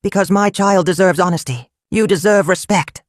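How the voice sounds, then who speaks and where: Calm honorable rich man, even measured words, storybook folktale, read by the narrator, dry sound. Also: mid-range voice, dry recording, pitched above the performer's own voice, close to an everyday voice. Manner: calm, plain, measured speech.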